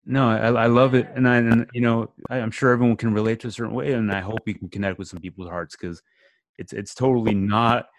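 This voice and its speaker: A man's voice: lowish voice, fairly even intonation, quick pace, no room sound. A man hosting a casual conversation, speaking earnestly and reflectively as he restarts his phrases.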